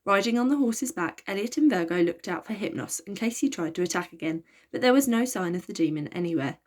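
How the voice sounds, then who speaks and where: A woman reading a children's book aloud in a steady, expressive storytelling voice. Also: mid-range voice, fairly quick.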